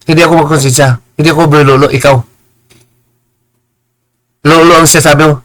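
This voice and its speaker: A man ranting on a live stream, combative and insulting, stumbling over and repeating his words and slipping into slow, preachy English phrases. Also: on the high side, little pitch movement, fairly bright tone, low-quality recording. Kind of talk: heated live-stream rant.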